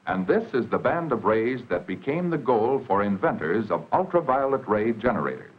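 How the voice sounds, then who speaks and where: Heard on a muffled, band-limited 1940s film soundtrack, an American man gives formal, scripted documentary narration for an educational film. His mid-range voice swings widely in pitch, sounds slightly rough, and moves at a normal speed.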